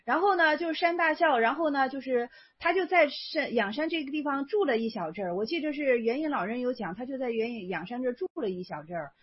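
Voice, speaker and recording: A woman's voice: high voice, lively intonation, fast, hardly any pauses, slightly rough. A woman giving a chatty, casual spoken lecture on Zen Buddhist stories, repeating herself with lots of fillers. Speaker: Buddhist teacher. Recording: dull lo-fi recording.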